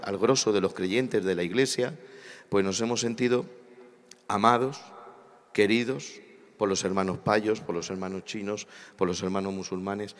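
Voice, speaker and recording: Low-voiced Spanish man preaching in a hall. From Spain. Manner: preacherly, repeating phrases for emphasis. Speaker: panel speaker at a church congress. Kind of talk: impassioned church panel talk. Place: large congress hall. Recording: hall reverb.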